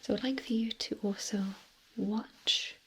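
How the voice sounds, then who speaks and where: A woman in a whispered role-play as a clinic examiner, speaking gently in a breathy, unvoiced whisper. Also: on the high side, steady tone. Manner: slow, gentle, softly questioning. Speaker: ASMR performer playing a clinic examiner.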